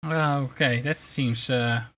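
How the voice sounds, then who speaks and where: A streamer of unclear sex chatting casually in a hesitant, rambling way and reading bits aloud, with a mid-pitched voice. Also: fairly even intonation, takes it slowly, fairly bright tone. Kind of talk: casual livestream chat, reading articles aloud. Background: background music.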